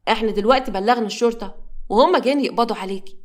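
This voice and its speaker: A firm Egyptian security guard, as a woman storyteller voices him, louder than the narration. He accuses fast and flatly. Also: on the high side, close to an everyday voice. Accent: Egyptian Arabic.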